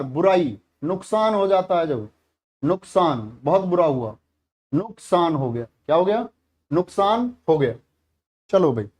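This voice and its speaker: A man's voice: high voice, darkish tone. A male teacher from giving a classroom lesson, repeating each word and asking the students questions.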